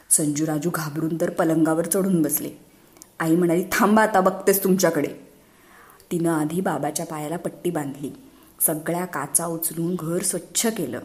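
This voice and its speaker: A woman telling a children's story in an expressive way, playing up sound words. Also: lowish voice.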